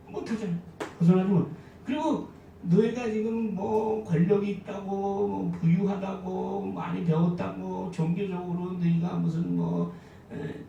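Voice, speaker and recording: A woman's voice: medium pitch, dark tone, recorded from a distance, a little hiss or hum. A woman pastor preaching a sermon, asking her listeners many questions and swinging her emphasis. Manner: rhetorical questions, varied emphatic delivery. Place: church sanctuary. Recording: echoey church hall from afar.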